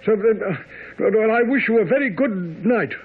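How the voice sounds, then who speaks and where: An actor playing an earnest, proper gentleman doctor, a detective's loyal friend, in a radio mystery drama. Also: high voice, expressive, unhurried, crowd noise. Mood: flustered. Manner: hesitant, proper. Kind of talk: old-time radio drama acting and narration. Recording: tinny, noisy radio broadcast.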